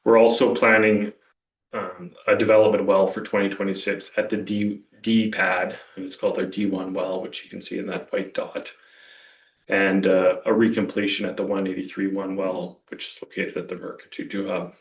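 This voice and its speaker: A deep-voiced man talks on a conference call in a level, even tone, explaining technical plans step by step. His voice comes across as distant and roomy, as if he is speaking some way off from the microphone. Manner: measured, technical, walks through slides with restarts. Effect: conference call audio. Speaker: company executive presenting operations. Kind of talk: earnings call presentation.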